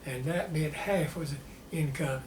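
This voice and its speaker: A man in his nineties with a Southern American accent, an old veteran looking back on his life. His voice sits fairly high, and he recalls things plainly and haltingly. The room echoes around him, with faint noise behind. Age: 90s. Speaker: war veteran being interviewed. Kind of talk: personal reminiscence in an interview. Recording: roomy echo with faint background noise.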